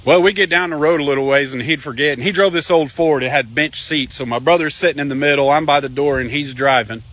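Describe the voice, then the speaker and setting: A young man telling family stories in a casual, animated, folksy way, with some swearing. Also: fairly high pitch, quick pace. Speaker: storyteller. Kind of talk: casual storytelling.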